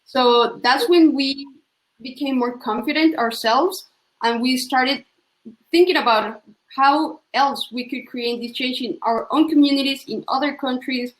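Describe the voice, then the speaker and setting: A young woman speaks as a panelist, reflective and full of fillers. Her voice sits a little high. The room around her is echoey. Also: measured pace. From Colombia. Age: young adult. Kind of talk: panel discussion answer.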